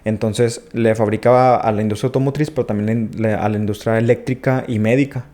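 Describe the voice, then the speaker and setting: A man joins the podcast chat and talks quickly, tripping over the starts of his words. His voice is mellow and dark, at a middle pitch for a man. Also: fairly even intonation. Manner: quick talker, stumbles and restarts words. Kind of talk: casual chat.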